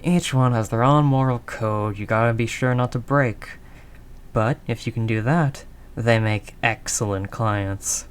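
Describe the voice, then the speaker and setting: A man's voice: medium pitch, measured pace, slight background noise, lightly acted. A man playing a world-weary, doting mafia boss in an intimate roleplay, talking in teasing street slang with pet names. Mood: musing, assured. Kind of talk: intimate scripted roleplay audio drama monologue.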